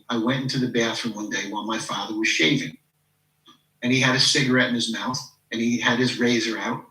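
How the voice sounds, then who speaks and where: The poor audio is reverberant and recorded from a distance, carrying a medium-pitched voice that is bright and forceful. It belongs to a coach in his fifties on a podcast who tells personal stories in casual interview talk, reflective in manner, leaning on "you know" and acting out quoted people.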